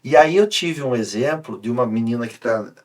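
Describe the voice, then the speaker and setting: A man, a sports coach talking on a podcast, telling an animated story with many restarts. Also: medium pitch, normal speed. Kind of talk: casual podcast conversation.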